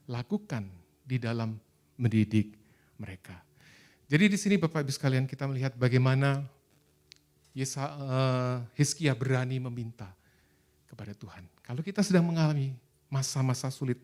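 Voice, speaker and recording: A male pastor with an Indonesian accent preaches in an earnest, exhorting way. His pitch sits in the middle of the range. Faint music plays behind his voice. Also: a little mellow. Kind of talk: sermon.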